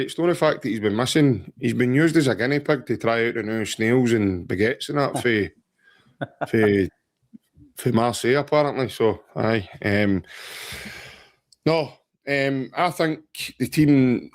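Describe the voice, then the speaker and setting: A man's voice: medium pitch, unhurried, pauses often. A Scottish man co-hosting a football podcast in casual, joking talk, often saying mate and aye. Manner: joking, rambling, says mate and aye a lot. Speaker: podcast co-host.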